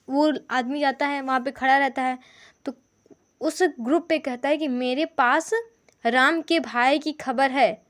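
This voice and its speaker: A woman teaching a grammar lesson, explaining slowly and working through examples from her notes. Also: high voice.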